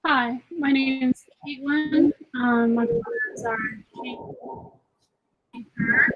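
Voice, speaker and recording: High-pitched woman on a glitchy call connection, talks slow with little pauses. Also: fairly even intonation, muffled recording, a little hiss or hum. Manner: hesitant, with pauses and "um". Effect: joining over a choppy online call line that cuts out. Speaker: student society representative at a council meeting. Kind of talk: roll-call self-introduction.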